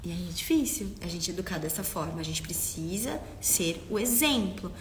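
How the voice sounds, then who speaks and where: A woman's voice: lowish voice, lively intonation, normal speed, in a large hall, a little hiss or hum. A woman hosting a live stream for parents, talking earnestly and often checking in with her listeners. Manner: acts out parents and children in quotes. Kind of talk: instructive live-stream talk.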